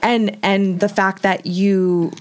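A woman's voice: mid-range voice, slow, clean tone. Woman, podcast co-host, casual chat, eager, keeps saying like. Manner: animated, enthusiastic, says "like" often.

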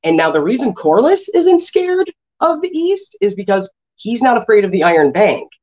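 A woman's voice: mid-range voice, sing-song, moderate pace, a little mellow, dull audio. A woman co-hosting a casual TV show discussion, animatedly acting out characters' lines as she talks. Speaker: show reviewer and co-host.

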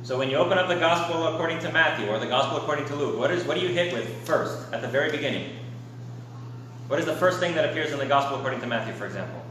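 A man's voice: a little high, expressive, very fast, a bit bright, slight background noise. A man from America teaching a class, asking the students questions and adding wry asides. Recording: very echoey room.

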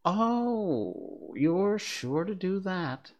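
A sly, grinning storybook cat, put on by a male reader teases in slow, drawn-out phrases. His pitch swoops up high and rolls around a lot. He sounds amused and riddling the whole time. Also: sing-song, vocal fry, lo-fi sound, full character voice. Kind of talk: storybook reading.

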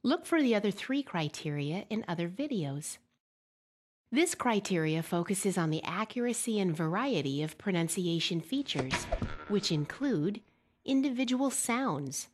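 Measured woman narrating an exam lesson. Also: medium pitch, big pitch swings. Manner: measured, slows down to model example words. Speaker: exam preparation instructor. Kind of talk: scripted instructional narration.

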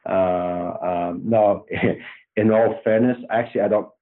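A man's voice: lowish voice, steady tone, slow pace. A man with a Belgian accent, a company founder being interviewed, talking thoughtfully with many fillers and restarts. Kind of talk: casual interview talk. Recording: tinny phone-like line.

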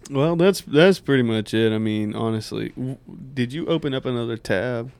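A man's voice: mid-range voice, normal speed, gravelly, darkish tone, smooth, dry recording. Rambling man asking questions. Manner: meandering, questioning, laughs easily. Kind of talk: casual chat.

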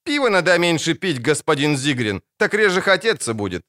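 A man's voice: on the high side, very animated, fairly quick, bright, forceful tone, voice pushed up. A man voicing a cheeky young girl in an audiobook, pert and teasing. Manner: pert, sing-song teasing. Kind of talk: audiobook character voice.

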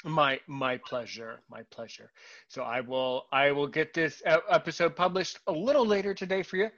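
A man hosting a podcast, talking casually with a guest, halting and repeating his words with many fillers. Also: on the high side, fairly bright tone, muffled recording. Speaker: podcast host.

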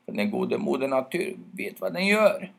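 A drowsy, good-natured owl, pitched up high and a little gravelly, as a man puts him on for a storybook. He stammers and fusses when woken, then settles into gentle advice. The voice is lively and swoops up and down. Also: heavily acted. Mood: kindly advising. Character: sleepy, wise and kind male owl.

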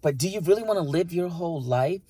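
A man's voice: on the high side, expressive, fast, mellow, husky, no room sound. A man co-hosting a podcast, talking casually and emphatically about relationships, with lots of rhetorical questions. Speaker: podcast co-host.

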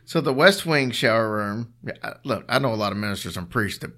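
A man's voice: lowish voice, expressive, brisk, bright, forceful tone. A man co-hosting a show, telling stories in a casual, chatty way with a dry, teasing manner. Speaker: podcast co-host telling ghost stories. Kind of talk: casual storytelling chat.

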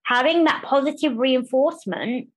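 A woman speaking candidly as a podcast interview guest, animated and quick to restart phrases and act out what others say. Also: sits high, husky, rough recording. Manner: animated, restarts phrases, acts out quoted voices.

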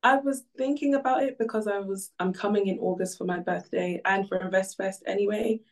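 A Ghanaian woman, a podcast guest, speaks briskly at medium pitch in a steady tone. She chats casually and upbeat with many fillers in an interview, recorded at a distance from the mic.

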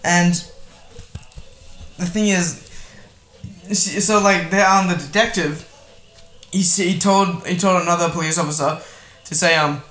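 A man, co-hosting a casual film review podcast, animated and sarcastic, acting out quotes. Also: sits high, measured pace, long pauses. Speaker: podcast co-host. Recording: echoey room with faint noise.

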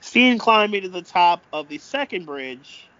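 A man giving improvised amateur wrestling commentary, speaking haltingly and often repeating himself. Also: sits high, animated, sharp tone, dull audio.

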